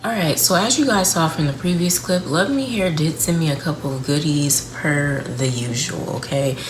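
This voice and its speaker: A young woman with a low voice reviews a wig for her channel, speaking at a moderate pace and slightly congested from a cold. She's chatty and talks straight to her viewers in this casual beauty vlog. It's a noisy home recording with loud music.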